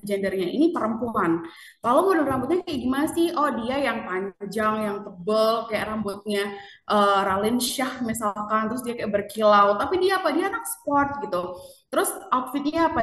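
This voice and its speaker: A woman's voice: a little high, fairly bright tone, roomy sound, recorded from a distance. A woman presenting a casual marketing lecture, chatty, often asking the audience questions.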